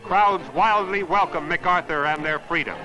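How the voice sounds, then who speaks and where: Over music, artillery and the noise of battle, an American man with a slightly high voice narrates a 1940s newsreel at a moderate pace. The recording is muffled and noisy, and his commentary comes in clipped, declamatory bursts, dramatic and emphatic.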